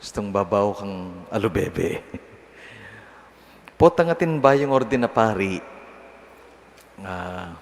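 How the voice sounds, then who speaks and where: A middle-aged priest from Pampanga in the Philippines gives a homily at Mass in a large church, his fairly low voice animated yet slow, with frequent pauses. He's conversational and teasing, chuckling at his own examples, while long church reverb and faint noise fill the recording.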